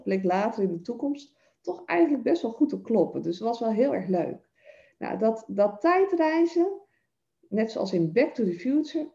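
A woman's voice: mid-range voice, gravelly, warm tone, highs cut off. A woman giving a self-help masterclass, talking straight to the listener through everyday examples. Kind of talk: spoken self-help lesson.

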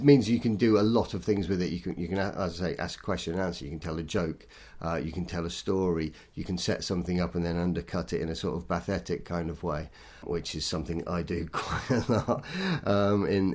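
A man, a poet, talking thoughtfully and self-deprecatingly in an interview, in a halting way. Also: low-pitched, a little mellow. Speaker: poet guest. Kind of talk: interview conversation.

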